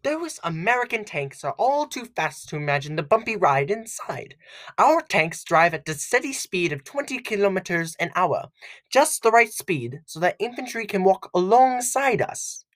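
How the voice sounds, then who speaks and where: A man doing a fussy, pompous tank commander, pitched well above his own voice and swooping through a lively, sing-song range. He is prim and gentlemanly, all stiff-upper-lip propriety, in a homemade audio story. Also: moderate pace. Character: pompous old-fashioned British male tank commander.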